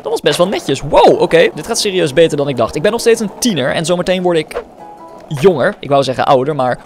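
A man giving energetic Roblox gameplay commentary, swinging between loud exclamations and quieter asides. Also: a little high. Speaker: gaming YouTuber. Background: game music.

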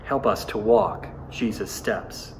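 A man's voice: lowish voice, takes it slowly, a little hiss or hum. A man in his thirties, a pastor, reading a reverent meditation in a church sanctuary. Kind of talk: solemn scripture meditation reading. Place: church sanctuary, at a wooden lectern.

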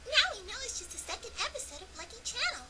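Tiny idol girl, extremely high voice, sugary, hyper, overacted anime dub, very noisy recording. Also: very animated, racing. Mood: gushing. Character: sugary, hyper little-girl idol host, perky and cutesy. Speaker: host of a cartoon channel show. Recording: very noisy amateur home recording.

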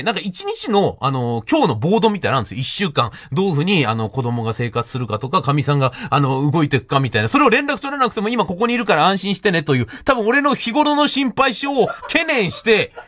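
A man's voice: high voice, very animated, fast talker, hardly any pauses, fairly bright tone, no room sound. A man hosting a radio show, telling a comic story in a solo monologue, laughing often and acting out the voices he quotes.

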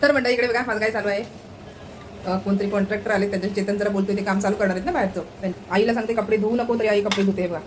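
A woman's voice: medium pitch, steady tone, rapid-fire, background noise. A woman vlogging at home, chatting casually and pointing things out to her viewers. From Maharashtra. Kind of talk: casual home vlog narration.

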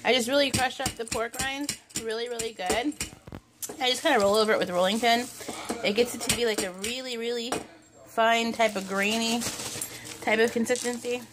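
A woman chatting casually in her home kitchen, rambling with lots of fillers and quick self-corrections as she cooks. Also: on the high side, fairly even intonation, noisy background. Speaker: home cook vlogger. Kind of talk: casual home cooking vlog.

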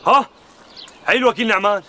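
A man's voice: high-pitched, quick pace, sharp tone, a little hiss or hum. An actor playing an impatient village man with a Syrian accent, asking questions in exasperation. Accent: Syrian Arabic. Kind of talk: TV period drama acting.

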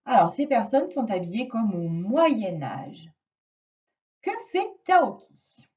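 Slow, patient woman teaching phonics. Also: on the high side, very animated, dark tone, far from the mic, dull audio. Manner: slow, patient, stresses each sound. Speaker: primary school teacher. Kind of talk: reading lesson for a young child.

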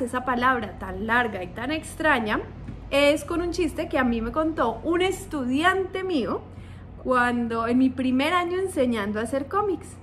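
A woman's voice: high voice, a little hiss or hum. A young adult woman teacher giving a video lesson to young writers, playful and coaxing, often checking in with the viewer.

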